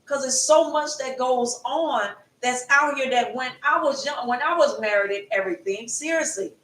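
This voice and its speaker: A middle-aged woman co-hosts a casual chat podcast, her voice sitting high, slightly bright and at normal speed. She rambles through stories, repeating phrases and using casual Southern-style grammar. She sounds roomy and distant from the mic.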